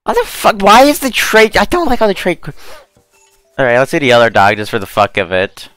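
Bright, lively-voiced male streamer. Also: on the high side, moderate pace, clear, resonant tone, soft background music. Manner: swears freely, mutters to himself. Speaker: game streamer. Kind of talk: casual gameplay commentary.

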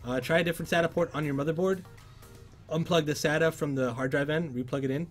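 A man hosting a casual livestream, reading viewer comments and chatting loosely, with sudden loud shouts of excitement. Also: a little high, fast talker, faint music behind. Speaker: livestream host. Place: PC workshop.

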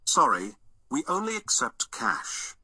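A man reading short English question-and-answer dialogues, clear and measured. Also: mid-range voice, huge pitch swings, pushed and bright, no echo, poor audio. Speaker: lesson dialogue reader.

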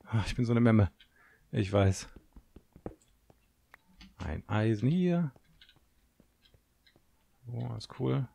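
A man's voice: mid-range voice, expressive, extremely slow, vocal fry, long pauses, dark tone, breathy edge. A young German man commenting on his own game, nervous and talking to himself, swearing at monsters. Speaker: gaming video host. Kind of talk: Let's Play commentary.

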